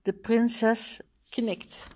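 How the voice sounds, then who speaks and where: Woman, reading aloud, word drills, very slow, deliberate. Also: on the high side, level tone, a little mellow, a little hiss or hum. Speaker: reader.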